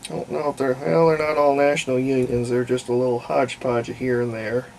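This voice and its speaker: Working through a restoration on camera, this hobbyist restorer thinks aloud in casual, unscripted workbench commentary. His medium-pitched voice is gravelly, creaky and a little mellow, level in tone and fairly quick; the recording is rough, with clear background noise.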